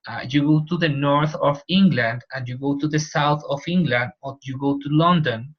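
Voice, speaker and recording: Speaking at a moderate pace in a voice on the high side, a Colombian-accented man teaches an online class. He goes over each point and says the key terms more than once, and the sound comes through as muffled video call audio.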